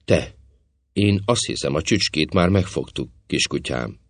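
A man's voice: very deep voice, lively intonation, no room sound, exaggerated voice. A man reading an audiobook, voicing a vain, flirtatious stage actress who teases and coaxes in a coquettish manner. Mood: coaxing. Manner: coquettish, teasing, affectionate. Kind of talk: audiobook character voice.

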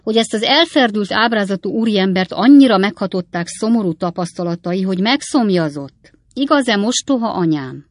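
A woman voicing a cheeky, quick-witted young male servant who teases with mock innocence. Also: medium pitch, animated, no room sound, pitched above the performer's own voice, lightly acted. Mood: teasing.

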